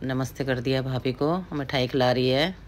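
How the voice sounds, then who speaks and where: Speaking to her viewers as friends, a middle-aged hill woman from India's Pahari region chats her way through a voice-over about a family ritual. The voice is extremely low and steady at a moderate pace, with a little hiss or hum.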